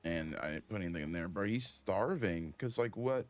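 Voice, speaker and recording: A man streaming a video game, talking casually in a profane, excitable, exasperated way. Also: sits low, moderate pace. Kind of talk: casual gaming commentary.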